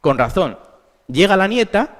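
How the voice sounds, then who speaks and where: Animated Spanish man lecturing in a hall. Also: high voice, a little slow. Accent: Spain Spanish. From Spain. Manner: animated, emphatic, asks rhetorical questions. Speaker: therapist giving a symposium talk. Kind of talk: conference lecture. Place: conference hall.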